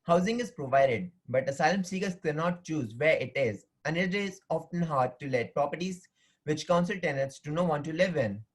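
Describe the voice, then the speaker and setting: A man's voice: a little high, animated, normal speed, slightly rough, rough recording. A man who is a student presenter, reading a prepared script for a presentation.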